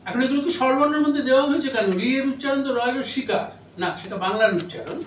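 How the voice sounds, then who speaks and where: A man. He explains slowly and pauses between short phrases. The sound is roomy and distant, picked up from across a hall with a faint hiss behind it. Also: very high-pitched. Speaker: lecturer. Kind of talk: memorial lecture on phonetics. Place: lecture hall.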